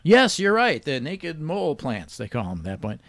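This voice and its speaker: A man's voice: on the high side, huge pitch swings, normal speed. A man hosting a radio quiz show, teasing the caller with dry wisecracks. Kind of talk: joking quiz banter.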